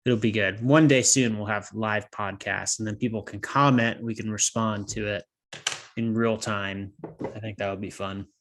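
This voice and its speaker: A man chatting casually as a podcast co-host wanders and loses his thread mid-thought. His voice is fairly low and a bit nasal, with fairly even intonation at a normal speed, and background noise can be heard.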